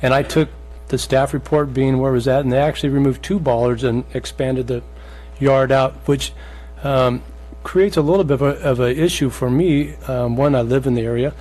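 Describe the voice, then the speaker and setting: A man speaking as a commissioner at a public meeting, plain-spoken and informal as he deliberates. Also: mid-range voice, fairly even intonation, darkish tone, rough recording. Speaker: planning commissioner.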